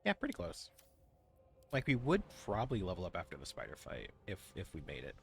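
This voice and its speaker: A man's voice: sits low, very animated, fast talker, creaky, faint music behind. A man streaming a co-op game, chatting casually and explaining the rules to his friends. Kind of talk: casual gaming chat.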